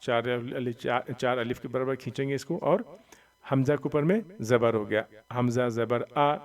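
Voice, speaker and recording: A man teaching Quran reading, spelling out letters slowly and loudly and then explaining quickly and softly, often checking "theek hai?". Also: mid-range voice, fairly even intonation, far from the mic. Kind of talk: slow step-by-step recitation lesson.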